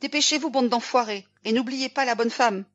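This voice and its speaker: A woman's voice: a little high, expressive, normal speed, muffled recording. A woman reading aloud voices a furious, foul-mouthed male ship captain who bellows his orders. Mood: bellowing.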